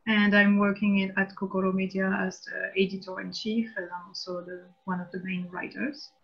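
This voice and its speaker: A woman's voice: medium pitch, flat delivery, moderate pace, vocal fry, husky. A woman from France, editor-in-chief, explaining her views at length in a casual online panel discussion. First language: French. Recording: dull lo-fi online call audio.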